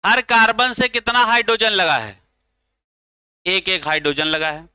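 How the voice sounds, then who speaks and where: A man's voice: high voice, expressive, normal speed, clear, resonant tone, dry recording. A man teaching chemistry in Hindi, with a north Indian accent, putting questions to his students and answering them himself, calling them beta. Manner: calls students beta and bhaiya. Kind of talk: classroom lecture. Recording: slightly dull, dry sound.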